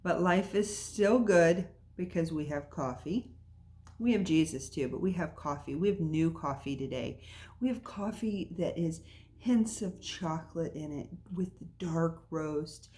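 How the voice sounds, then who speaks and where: A woman's voice: low voice, measured pace, dark tone. A woman hosting a casual devotional podcast from her home, talking in a chatty, encouraging way with plenty of fillers. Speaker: podcast host. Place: at home by an open window.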